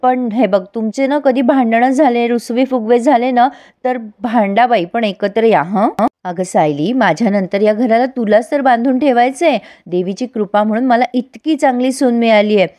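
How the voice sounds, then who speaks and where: A loving older mother-in-law speaks gently and slowly, giving tender advice, as a woman storyteller voices her. It stays close to the storyteller's own voice. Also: a little high, close to an everyday voice.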